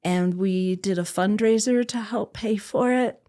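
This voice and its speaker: A woman's voice: mid-range voice, measured pace, mellow. A woman, a podcast guest and adoptive mother, telling her personal story in conversation and acting out what other people said. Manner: vivid storyteller who acts out other people's words.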